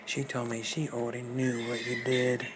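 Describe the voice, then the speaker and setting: A man's voice: medium pitch, level tone, normal speed, close to an everyday voice. A man voicing a sly, scheming male big bad wolf who taunts and menaces in slangy talk, on a noisy recording. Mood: taunting.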